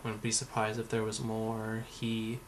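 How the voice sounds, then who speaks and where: A man's voice: fairly low pitch, monotone, a little slow, slight background noise. A young man telling a story in a casual vlog, sarcastic and rambling, full of fillers and swearing. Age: young adult. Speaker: vlogger.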